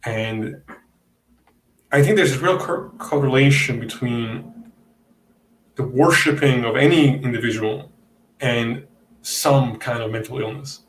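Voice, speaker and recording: A man's voice: medium pitch, slow pace, long pauses, reverberant, a little hiss or hum, poor audio. A man from Italy with an Italian accent, hosting a casual debate podcast and speaking bluntly, with some profanity. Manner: blunt, heated, profane about opponents. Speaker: podcast host.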